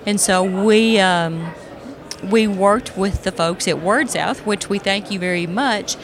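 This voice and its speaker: A woman's voice: medium pitch, slow pace. Businesslike woman interviewed at a convention. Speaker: podcast guest, company chief executive. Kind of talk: explanatory interview talk. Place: convention expo hall.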